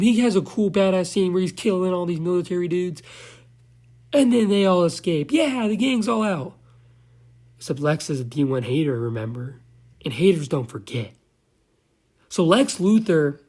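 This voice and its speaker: A man's voice: on the high side, darkish tone. A man giving a loose, slangy, profane recap of a movie, now and then losing track of names. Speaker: movie reviewer.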